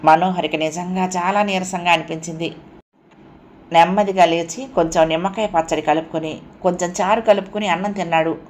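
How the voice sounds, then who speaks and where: A woman narrating a novel in a steady, even storytelling manner. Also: fairly low pitch, brisk, slight background noise. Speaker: audiobook narrator. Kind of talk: scripted narration.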